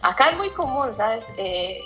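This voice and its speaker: Bright-voiced Costa Rican woman. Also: fairly high pitch, unhurried, faint music behind, poor audio. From Costa Rica. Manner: animated storyteller, laughs often. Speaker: guest. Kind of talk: casual conversation.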